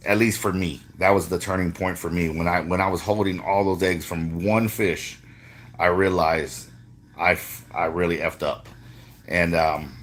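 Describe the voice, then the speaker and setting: A man's voice: low voice, a bit bright. A middle-aged man, a fishing guide chatting casually on a live stream, rambling and swearing freely with many restarts.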